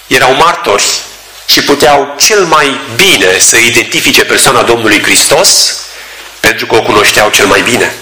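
A man delivers a sermon in a bright, forceful voice at a middle pitch. He reads scripture and then explains it with measured emphasis, drawing out key words. The room around him echoes noticeably. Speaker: preacher.

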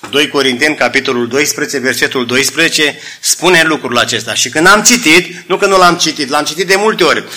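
A man's voice: a little high, few pauses, sharp tone. A man preaching a sermon to his congregation, fervent and addressing them as brothers, acting out the dialogue of the figures in his story.

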